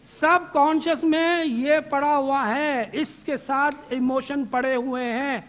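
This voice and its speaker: High-voiced man giving a religious lecture. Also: fairly even intonation, a bit bright. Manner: asks rhetorical questions and answers them; drops English words into his speech. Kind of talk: Islamic lecture to a live audience. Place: lecture hall with audience.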